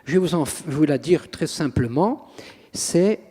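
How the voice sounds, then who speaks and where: A priest and exorcist in an interview, telling stories in an animated, dramatic way with acted quotes. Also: male voice, fairly high pitch, normal speed, breathy edge. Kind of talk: interview storytelling. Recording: long reverb, echoey room.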